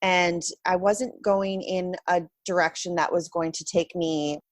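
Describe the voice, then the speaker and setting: A woman's voice: fairly low pitch, fairly even intonation, measured pace, no room sound. A woman answering interview questions as a guest in a candid, reflective conversational way. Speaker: interview guest, self-confidence coach.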